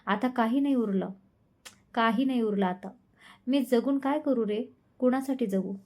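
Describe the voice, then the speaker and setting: A heartbroken young man, bitter and despairing, who keeps repeating his outbursts, as a woman storyteller reads his lines. The voice stays fairly high and mellow, with soft warm tones. It is an audio storybook drama. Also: normal speed. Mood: anguished. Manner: anguished outbursts, repeats himself.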